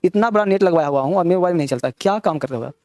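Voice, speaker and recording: A man's voice: sits high, expressive, rapid-fire, a little mellow, no echo, studio quality. A man teaching an English grammar class, teasing and scolding his students as he quizzes them with rhetorical questions. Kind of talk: classroom lecture.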